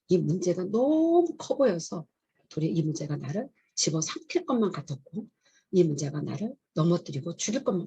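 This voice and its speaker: Earnest woman giving a testimony, warm low tone. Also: husky, rough recording. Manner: earnest, confessional storytelling. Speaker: pastor's wife giving testimony. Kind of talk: testimony sermon. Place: chapel service.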